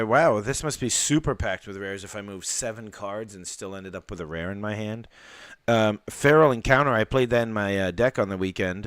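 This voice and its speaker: A man hosting a live card unboxing, chatting casually in a rambling way with fillers and excited exclamations. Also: mid-range voice, clear, resonant tone, no room sound.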